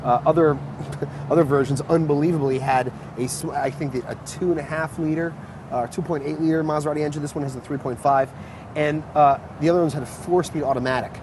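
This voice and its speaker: A man's voice: fairly high pitch, fairly even intonation, fairly quick. Chatty man explaining his old car outdoors. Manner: enthusiastic, rambling explanations with fillers. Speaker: car owner guest. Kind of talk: casual chat. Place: outdoors on a city street. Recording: noisy outdoor street sound.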